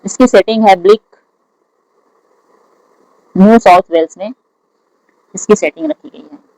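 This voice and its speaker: An exam prep teacher who reads each English question aloud slowly and then explains the answer in Hindi. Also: medium pitch, lively intonation, darkish tone, no room sound, low-quality recording. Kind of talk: lecture solving exam questions.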